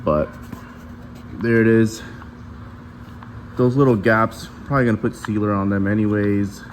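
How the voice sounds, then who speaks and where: A man's voice: lowish voice, fairly even intonation, unhurried, slight background noise. A man giving a casual, hands-on how-to commentary, recorded on a handheld camera in a garage. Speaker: DIY car builder presenting. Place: metal-walled garage workshop.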